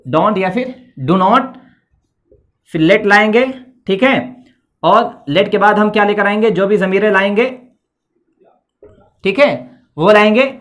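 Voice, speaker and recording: A man's voice: high-pitched, slow, long pauses, fairly bright tone. Male English teacher, tinged delivery, patient board lesson, repeats his check-ins. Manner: repeats "theek hai" often, explains patiently.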